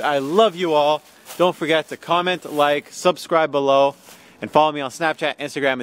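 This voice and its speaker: A man in his twenties, upbeat and hyped, films himself at arm's length on a handheld camera while hiking in the woods, giving energetic shout-outs to his viewers. His medium-pitched voice is clear and resonant.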